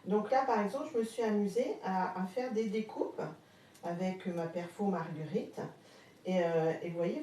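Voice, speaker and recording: A woman's voice: mid-range voice, dark tone. Chatty woman with a Haute-Marne accent. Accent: Haute-Marne French. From France. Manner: chatty, hesitant with many fillers, greets viewers. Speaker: craft live-stream host. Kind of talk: casual live crafting demo. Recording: roomy, distant, faint background hum.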